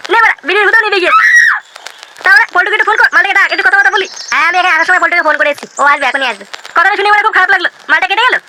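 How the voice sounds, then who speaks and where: A man's voice: extremely high pitch, rapid-fire, bright, forceful tone, raised voice, a little hiss or hum. A man voicing the characters in a crude comic cartoon, slangy and swearing constantly. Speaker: cartoon narrator and voice of several characters.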